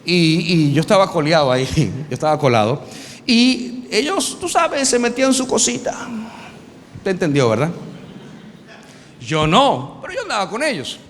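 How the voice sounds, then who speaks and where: A man pastor preaching with humor, telling stories in an animated way and sometimes shouting. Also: high voice, moderate pace, long pauses. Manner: animated storytelling, bursts of shouting. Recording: reverberant hall, faint noise.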